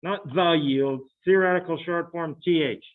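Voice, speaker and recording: A man whose voice sits on the high side teaches a chemistry class at a normal speed, captured on a tinny, phone-like classroom recording. He talks through problems aloud and quizzes students in a relaxed, thinking-out-loud style.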